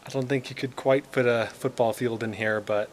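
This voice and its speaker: A man's voice: medium pitch, steady tone, normal speed, a little hiss or hum. A man vlogging casually inside a huge rock cave, his voice echoing off the walls, with a plain-spoken, offhand manner. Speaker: hiking vlogger. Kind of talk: casual vlog narration.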